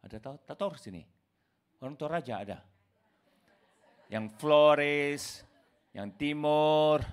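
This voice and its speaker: Preaching with emphasis, this man calls the congregation "saudaraku," his brothers and sisters, moving from booming outbursts to hushed remarks. He takes his time, and his delivery is smooth.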